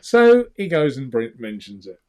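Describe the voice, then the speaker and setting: A man's voice: mid-range voice, sing-song, moderate pace, a little mellow. A man co-hosting a casual live vape show, reading out viewer comments and laughing often. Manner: chatty, laughs often, trails off into mumbles.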